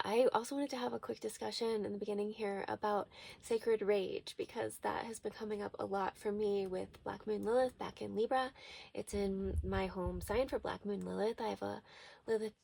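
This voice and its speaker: A woman talks casually to her viewers from inside a small RV trailer. Her voice is very gravelly with fry, and the sound is close and dry. She comes across as an earnest, reflective tarot reader. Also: medium pitch, darkish tone, dry recording. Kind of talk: casual spiritual check-in to viewers.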